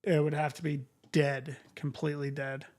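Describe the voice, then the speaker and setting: Flat-toned man muttering on a livestream. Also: a little high, normal speed. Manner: informal, muttering, profane. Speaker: streamer. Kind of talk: casual livestream chat.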